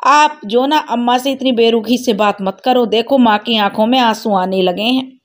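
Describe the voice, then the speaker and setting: A woman storyteller voicing a gentle young wife who politely pleads with her husband to calm down. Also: fairly high pitch, normal speed, natural voice. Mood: pleading.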